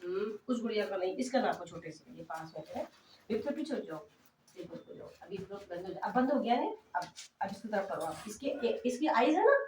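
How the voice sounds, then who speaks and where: A woman's voice: mid-range voice, big pitch swings, brisk, darkish tone. A young woman health worker shows young children first aid supplies, asking them questions and explaining terms. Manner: asks the children questions and mixes English terms into her talk. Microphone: far camera. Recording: echoey room, voice from a distance, noisy.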